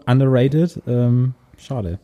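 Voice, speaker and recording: A man who is a guest on a podcast, speaking casually and haltingly as he searches for words. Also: medium pitch, mellow, muffled recording. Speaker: podcast guest, music promoter. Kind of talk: casual chat.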